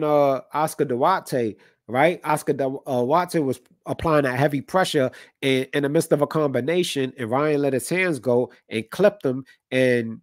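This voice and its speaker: A man in his thirties with a somewhat high voice runs a boxing livestream in a home room under colored lights, chatting casually with live chat, voicing opinions, and reading comments out loud. A cold has left him a little stuffy. Recorded in studio quality without room sound.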